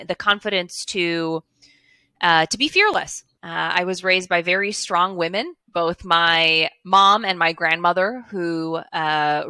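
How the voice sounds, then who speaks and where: A Chicago woman tells her story as a guest on a headset video call from an indoor home office with blinds, in casual interview style. She's earnest and fluent but uses frequent fillers. Her voice is fairly low, sharp, clear and resonant, with no room sound.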